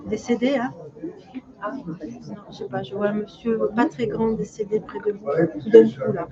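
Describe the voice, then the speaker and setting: Amid loud crowd noise and dull-sounding audio, a woman with a voice on the high side speaks at normal speed. She's a medium doing live readings in a public hall before an audience, offering brief, repeated, comforting fragments off the cuff.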